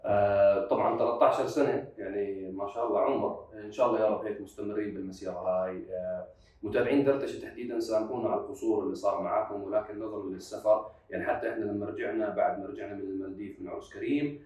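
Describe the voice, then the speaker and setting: Levantine guy hosting a chat show, talks fast, super echoey and a bit far from the mic. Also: on the low side, fairly even intonation, a little mellow. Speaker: show host. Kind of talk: casual podcast chat. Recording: very echoey, away from the microphone.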